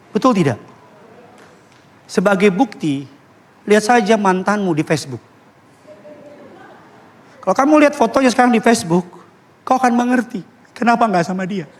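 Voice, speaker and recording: A male pastor. He tells stories in a lively, playful way and drops English phrases into his talk. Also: high-pitched. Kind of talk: sermon. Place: church.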